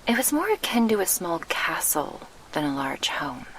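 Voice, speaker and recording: In a soft ASMR roleplay on a close binaural mic, a woman plays a gentle female succubus guardian grieving her lost past, sounding wistful and reflective. Her low, very animated voice uses formal, measured, old-fashioned phrasing in a breathy murmur, over slight background noise in a rough recording.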